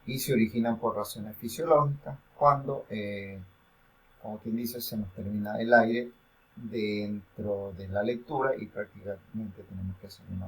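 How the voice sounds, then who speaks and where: Man, lecturer, fairly low voice, explanatory, fillers and restarts. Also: poor audio. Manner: explanatory, with frequent fillers and self-corrections. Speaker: university lecturer. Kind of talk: recorded academic lecture.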